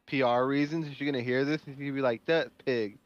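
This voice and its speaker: A man's voice: mid-range voice, level tone, rapid-fire, highs cut off. A man co-hosting a comedy podcast, trading dry, sarcastic asides. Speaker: podcast co-host. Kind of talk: casual comedic banter.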